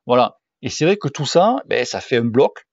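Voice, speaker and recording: A man's voice: medium pitch, sing-song, moderate pace, no echo. Blunt, slangy cycling vlogger man. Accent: French, southern regional. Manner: blunt, slangy, swears freely. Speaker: cycling YouTuber and sports coach. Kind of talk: casual Q&A vlog. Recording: dull dry home recording.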